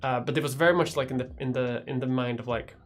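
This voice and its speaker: With soft music in the background, a Swedish YouTuber in her thirties chats on a livestream, answering chat questions quickly in an extremely low, steady voice. She rambles, swears casually, laughs, and frequently restarts her sentences.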